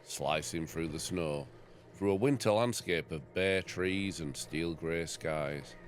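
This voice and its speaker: A man's voice: low voice, slow, a little hiss or hum. A farmer reading his family's memoir aloud in a wry storytelling manner.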